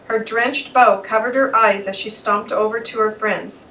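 A woman reading a children's storybook aloud in a plain, steady way. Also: a little high, normal speed, distant mic, slight background noise, low-quality recording. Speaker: narrator.

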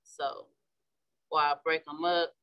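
Through a muffled recording comes a deep, clean-toned female voice at a slow pace. A chatty Midwestern florist from St. Louis, Missouri, who also teaches classes, gives a casual painting demonstration at an indoor flower shop worktable, relaxed and frequently starting over.

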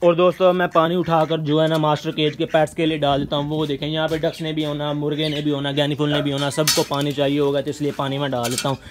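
Fast-talking man in a backyard vlog. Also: fairly high pitch, little pitch movement, a little hiss or hum. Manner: fast, chatty, coaxing animals with repeated calls. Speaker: pet vlogger. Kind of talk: casual outdoor vlog narration. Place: outdoor yard with bird cages, aircraft passing overhead.

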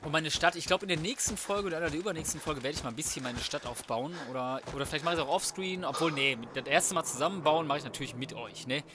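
Fast and with few pauses, a young man in a slightly high voice delivers flippant, slangy let's play commentary. The recording has faint noise and game ambience behind him.

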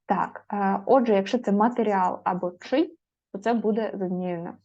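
A woman's voice: mid-range voice, normal speed, mellow. Lady teacher going over spelling rules, lots of ums, kinda dull lo-fi sound. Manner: explaining patiently, with many fillers and spelled-out letters. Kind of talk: spoken grammar lesson. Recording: slightly dull lo-fi audio.

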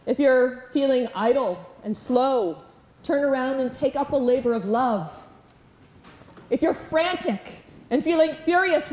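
Woman pastor, high mellow voice, measured rhythmic funeral sermon, roomy church echo. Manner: measured, rhythmic preaching with repeated calls. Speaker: preacher at a funeral. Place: large church. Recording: echoey church room.

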